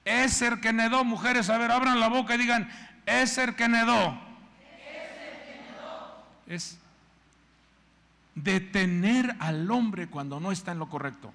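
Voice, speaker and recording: A man's voice: sits high, expressive, unhurried, pushed and bright. A man preaching a sermon, acting out voices and calling on the congregation to repeat phrases. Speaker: pastor. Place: church hall. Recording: long church reverb.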